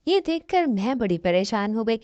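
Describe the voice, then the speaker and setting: A woman's voice: a little high, big pitch swings, a little mellow, dry recording. A woman narrating a first-person story in an earnest, plaintive way. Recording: dull lo-fi dry recording.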